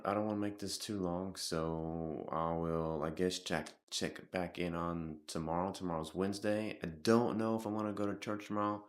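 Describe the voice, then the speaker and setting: A man with a sore throat talking casually to camera in a rambling, halting vlog full of restarts and fillers. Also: deep voice. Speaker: vlogger.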